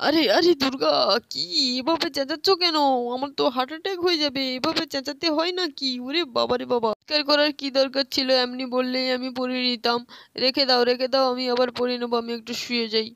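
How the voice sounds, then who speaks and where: A sleepy, grumbling father doll in a homemade doll story, complaining without pause, as a woman puts him on. The voice stays close and dry. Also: sits high, fairly even intonation, fairly bright tone, no room sound. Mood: grumpy.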